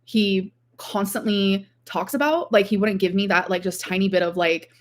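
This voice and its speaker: Chatting casually on a livestream, a woman reads viewer comments aloud in a rambling way, dropping "like" into nearly every sentence. Her voice is mid-range and her pace is normal.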